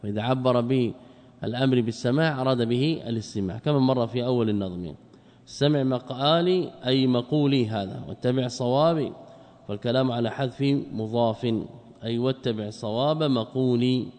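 A man's voice: medium pitch, brisk, a little mellow, in a large hall. A man giving a methodical classical grammar lesson, explaining a text line by line, repeating key terms and asking rhetorical questions. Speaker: Islamic scholar teaching Arabic grammar.

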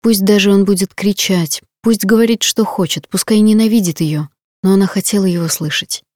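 A woman reading a novel aloud in an even, intimate storytelling manner. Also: medium pitch, a little fast, dry recording, studio quality. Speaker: audiobook narrator. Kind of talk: scripted audiobook narration.

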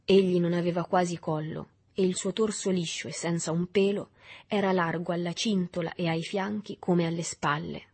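Woman reading a novel out loud, kinda husky and low, steady calm pace. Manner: measured, even storytelling. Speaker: audiobook reader. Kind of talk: literary audiobook narration.

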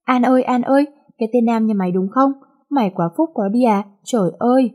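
A woman's voice: on the high side, brisk, dark tone, close to an everyday voice. A woman reading the lines of a young female classmate who gushes with envy. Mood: excited. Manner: gushing, exclaiming.

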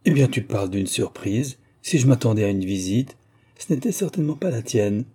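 A man reading an audiobook, voicing a chatty, brash young woman film star who complains in lively slang, with a husky voice. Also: mid-range voice, fairly quick. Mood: exclaiming.

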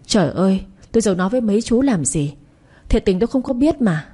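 A woman's voice: mid-range voice, lively intonation, quick pace, warm tone, husky. A woman voicing a frightened older woman pleading through tears. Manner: pleading, tearful.

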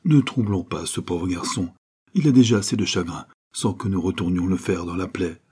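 A man reading as a measured country doctor. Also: low voice, dark tone, husky. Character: middle-aged male country doctor, reasoning.

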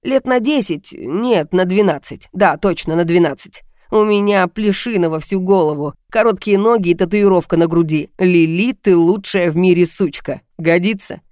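A mocking, menacing male blackmailer talks down to his victim, calling her baby with cold condescension, as a woman reads him in an audiobook. The voice sits low and the recording is close and dry, with no room sound. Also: moderate pace, few pauses, a little mellow, no room sound, close to an everyday voice. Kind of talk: audiobook reading.

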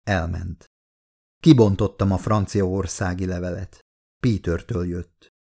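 A man narrating a novel in the first person with a low voice. His tone is gravelly and his reading stays restrained and measured. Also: fairly even intonation, warm tone. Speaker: audiobook reader.

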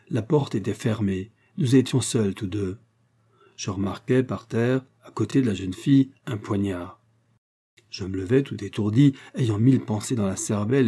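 A man narrating a literary audiobook in a measured, steady storytelling manner. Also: on the low side, husky.

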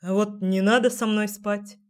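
A woman voicing a pushy, stubborn young man who drawls his teasing, mocking lines in a lower, gruff tone. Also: steady tone, normal speed, close to an everyday voice.

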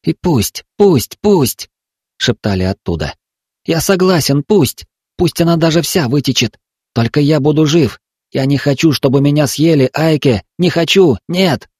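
A man's voice: fairly high pitch, normal speed, a little mellow, no echo, studio quality, voice pushed up, natural voice. A man voicing a terrified captive boy who begs for help in a frantic, pleading whisper. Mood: desperate. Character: terrified captive boy being fattened to be eaten.

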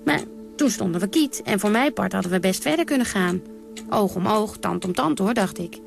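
A woman's voice: mid-range voice, animated, moderate pace, gravelly, soft background music. An actress playing a brash, defiant woman who tells of her wild nights in a theatrical radio monologue, blunt and dry with sudden outbursts.

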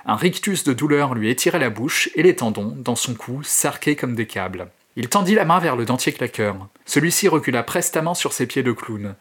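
A man and host narrating a horror short story in an expressive, theatrical way. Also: medium pitch, normal speed, hardly any pauses, husky. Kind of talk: dramatic reading of a horror story.

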